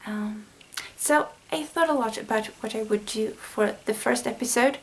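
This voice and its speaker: This woman from Sweden is a language-learning vlogger, speaking Swedish at a moderate pace in a voice on the high side. Her casual vlog lesson on language study is earnest, and she thinks aloud with little fillers as she goes.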